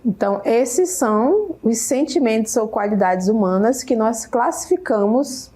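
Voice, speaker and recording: Slow, patient Brazilian woman teacher. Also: fairly high pitch, expressive, dark tone. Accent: Brazilian Portuguese. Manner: repeats each English word several times, adds "né?". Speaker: English teacher. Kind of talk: slow, careful classroom explanation. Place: state school media center studio.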